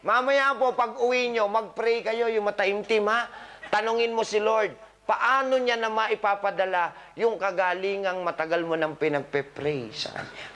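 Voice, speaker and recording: A man's voice: sits high, steady tone, moderate pace, fairly bright tone. A man, a doctor, giving a live talk to patients, scolding them with humor and quizzing the audience. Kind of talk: live motivational health talk.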